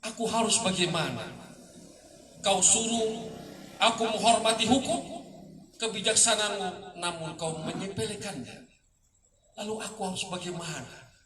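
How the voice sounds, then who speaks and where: A man with a high voice declaims a poem with passion, swelling and sinking line by line. He is heard from a distance in an echoing room, with clear background noise around him. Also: measured pace, long pauses. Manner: impassioned, rising and falling with the lines. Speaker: poetry reader. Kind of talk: dramatic poetry recitation. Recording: echoey room, distant mic, noisy.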